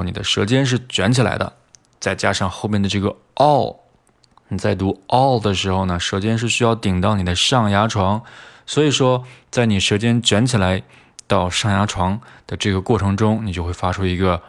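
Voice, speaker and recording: A man teaching English pronunciation in a podcast lesson, explaining patiently and repeating English phrases slowly to demonstrate linked sounds. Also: low-pitched.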